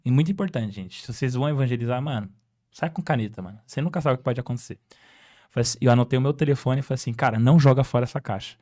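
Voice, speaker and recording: Young man, warm mellow voice, quick animated testimony. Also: mid-range voice. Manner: animated, peppers speech with slangy address to listeners. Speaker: evangelist sharing a testimony. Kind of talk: casual testimony storytelling.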